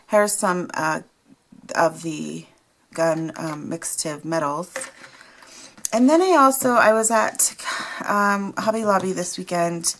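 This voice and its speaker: A woman chats casually at her home craft desk in a slightly low, gravelly morning voice. She takes her time, rambles from one thought to the next, and laughs as she goes. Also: a bit bright, slight background noise. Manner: rambling, chatty, laughs often. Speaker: craft vlogger. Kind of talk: casual chat.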